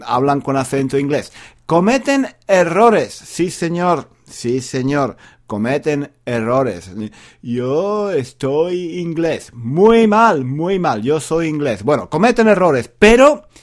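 Slow, lively Spanish-male teacher. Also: high voice. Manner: playful, joking, repeats every phrase. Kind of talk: slow, repetitive Spanish practice monologue for learners.

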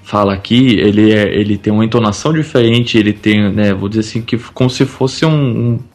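A man guesting on a podcast, explaining things in a measured way, with a non-standard R sound. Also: fairly low pitch, a little mellow. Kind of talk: casual podcast chat.

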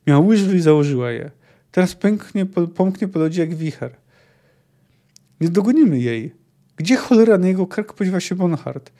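A man's voice: high voice, expressive, moderate pace, mellow, pitched above the performer's own voice. A man voicing a bossy, impatient male mercenary leader in an audiobook-style reading, barking and scornful. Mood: angry.

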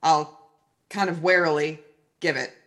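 A woman player in a tabletop game, answering in short, wry remarks. Her voice sits low but sounds bright. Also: fairly even intonation, a little slow. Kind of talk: tabletop role-play.

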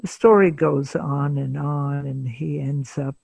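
Slow, gravelly older woman therapist. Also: low voice, steady tone, darkish tone, no echo. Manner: measured, pauses often with filler sounds. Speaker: psychotherapist guest. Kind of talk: storytelling in an interview.

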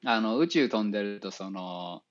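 A man, an engineer guest in a casual interview, explaining things step by step with many fillers and pauses. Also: on the low side, expressive. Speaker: spacecraft navigation engineer. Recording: dull lo-fi audio.

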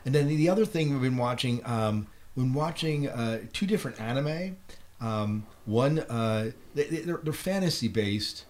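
This podcast host, a middle-aged American man, chats loosely about the shows, films and reading he's been into. He speaks at medium pitch and moderate pace, animated and a little mellow, over a clearly noisy recording.

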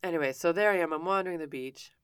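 A woman's voice: fairly low pitch, quick pace, clear, resonant tone, no echo, studio quality. A woman telling a personal story in a frank, conversational way, often stopping and restarting her sentences. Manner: candid, frank with casual swearing; self-interrupting with frequent restarts.

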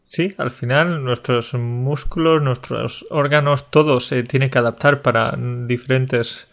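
A man's voice: medium pitch, steady tone, a little slow, vocal fry, a bit bright. Playful man co-hosting a podcast. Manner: friendly teasing, playful. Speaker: podcast co-host. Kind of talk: casual chat about Spanish loanwords.

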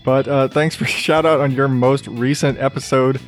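With faint music murmuring in the background, a podcast host talks casually on his solo show, rambling loosely and cursing freely. He has a calm, steady, mid-range voice at a normal speed.

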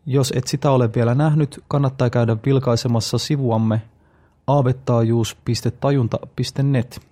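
A man narrating a fantasy story for his podcast in a measured, even reading. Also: medium pitch.

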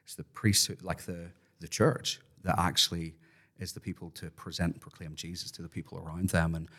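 A man's voice: deep voice, little pitch movement, a little fast, bright, forceful tone. A man with an Irish accent speaking as an interview guest, reflective and often repeating words as he thinks aloud. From Ireland. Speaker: podcast guest, ministry worker. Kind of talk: conversational interview.

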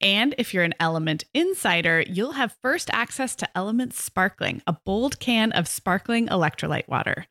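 A woman delivers a conversational podcast ad read. The sound is dry and close, and her pitch is medium. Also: lively intonation, normal speed, hardly any pauses, pushed and bright, no echo. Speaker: podcast host reading sponsor message.

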